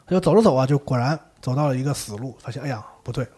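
Male podcast host telling a ghost story at top speed, voice on the husky side, lively and animated. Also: mid-range voice, very fast. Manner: animated, acts out the characters. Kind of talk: casual storytelling.

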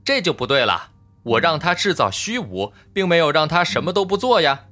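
A man's voice: fairly high pitch, sing-song, brisk, pushed and bright. An actor playing a smug, argumentative male robot constructor in an audiobook, with a needling, lecturing tone. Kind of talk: audiobook character voice.

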